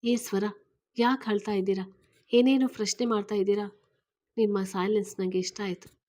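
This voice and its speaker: An earnest man in his thirties speaks gently and eagerly as he asks a woman to marry him, voiced by a woman reading a storybook aloud. His words are persuasive and hopeful, in an everyday mid-range voice. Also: mid-range voice, fairly even intonation, moderate pace, natural voice.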